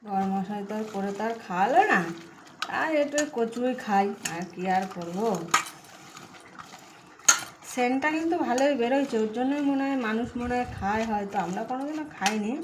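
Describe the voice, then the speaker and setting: A woman's voice: a little high, fairly quick. A woman chatting casually through a home cooking vlog, homely and often putting small questions to her viewers. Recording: echoey room, clear background noise, kitchen clatter.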